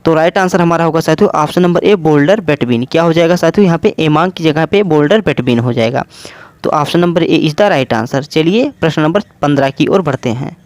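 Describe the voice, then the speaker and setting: A man with a slightly high voice explains exam questions one option at a time. He keeps asking questions and answering them himself. The recording is dry and close, with no room sound. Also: normal speed, darkish tone, dry recording. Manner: repetitive question-and-answer explaining, addresses listeners as friends. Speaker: exam prep teacher.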